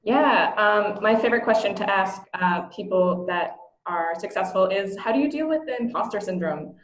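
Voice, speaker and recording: Woman asking a question, kinda halting, roomy echo, dull muffled audio. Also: mid-range voice. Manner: hesitant, halting.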